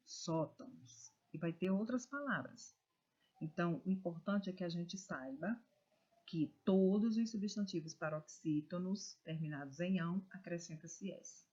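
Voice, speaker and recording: A Brazilian woman teacher giving a recorded lesson to children, reading words slowly and stressing syllables with care. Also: on the low side, darkish tone, slightly rough. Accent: Brazilian Portuguese. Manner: slow, careful, stresses syllables when reading words aloud. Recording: dull lo-fi recording.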